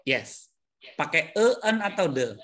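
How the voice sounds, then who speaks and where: In a very animated, pushed, bright voice pitched fairly high, a man teaches slowly through a video call. His adult students get English grammar from him as he nudges them for answers, repeats those answers, and drops English words into the explanations.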